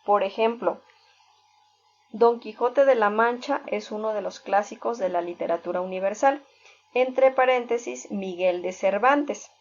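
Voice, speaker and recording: A woman teacher giving a recorded lesson, explaining step by step with examples and filling pauses with "este". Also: medium pitch. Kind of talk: recorded reading-skills lesson. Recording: dull lo-fi recording.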